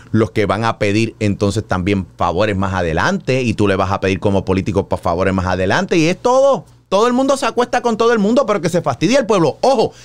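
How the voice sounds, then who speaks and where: A Puerto Rican man hosting a radio call-in show, giving animated, joking, colloquial opinions. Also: medium pitch.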